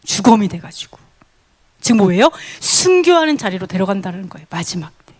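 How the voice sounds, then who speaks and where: A woman teaching a Bible sermon in an animated way, asking her listeners many questions, laughing often and acting out quoted voices. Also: medium pitch, fast, dry recording.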